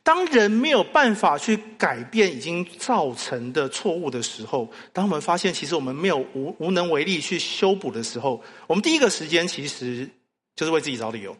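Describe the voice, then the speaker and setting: A man's voice: a little high, brisk. A man preaching a sermon, telling stories and asking the congregation questions. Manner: animated storytelling with rhetorical questions. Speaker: pastor. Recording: long hall reverb.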